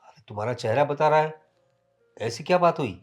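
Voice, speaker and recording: A man playing a gentle, caring husband. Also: a little high, animated, fairly quick, faint music behind, close to an everyday voice. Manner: gentle, consoling, earnest. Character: caring elder brother and husband, adult man. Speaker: elder brother and husband. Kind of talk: scripted family drama acting.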